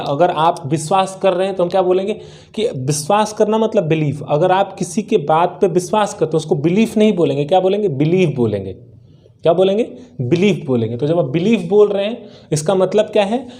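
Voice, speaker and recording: An Indian-accented male teacher explaining English in Hindi, his voice pitched a little high for a man yet soft and mellow in tone. He keeps asking his class questions and answering them himself, repeating each key word. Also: animated, brisk. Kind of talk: spoken English lesson in Hindi.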